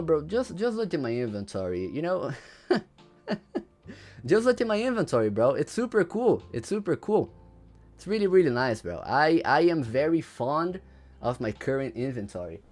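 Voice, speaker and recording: Slangy, lively male livestreamer. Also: medium pitch. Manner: slangy, says "bro" and "you know" constantly, repeats himself; reads viewer chat aloud and answers it. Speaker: livestreamer ranking game items. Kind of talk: casual livestream chat.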